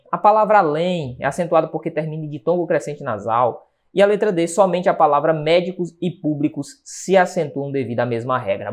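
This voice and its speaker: Chatty Brazilian teacher, man. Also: fairly high pitch. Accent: Brazilian Portuguese. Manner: lively, chatty, keeps asking rhetorical check-in questions. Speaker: exam-prep Portuguese teacher. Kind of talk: online exam-prep lesson.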